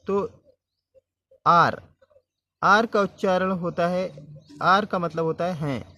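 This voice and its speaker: Slow, deliberate man teaching pronunciation. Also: high voice, sharp tone. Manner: spells words letter by letter and repeats. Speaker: English teacher.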